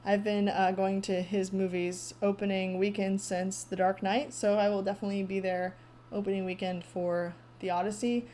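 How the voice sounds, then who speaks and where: A woman casually recapping a trailer on her own, pausing often with ums and thinking aloud. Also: mid-range voice, level tone, dark tone, slight background noise. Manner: frequent ums, halting, thoughtful. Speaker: vlogger recapping a movie trailer.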